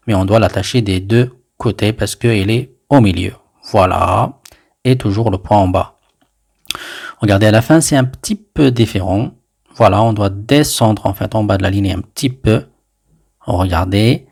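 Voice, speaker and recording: A man with a low, gravelly voice teaches an Arabic letter lesson. He speaks very slowly and patiently, repeating each sound so learners can follow. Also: a little mellow.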